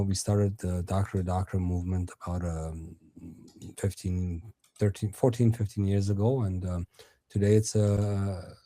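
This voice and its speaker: Deep, dark-voiced man, halting speech. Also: no echo. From Iran. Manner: halting, many fillers and restarts. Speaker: dentist and conference founder. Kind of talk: podcast interview answers.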